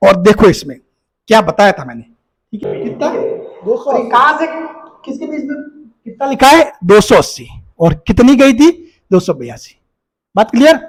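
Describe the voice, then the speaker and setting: A man's voice: extremely high pitch, big pitch swings, moderate pace, long pauses, husky. A man teaching online, talking to exam students in a casual, emphatic way and often repeating his points. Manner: emphatic, repeats points, asks "बात clear?".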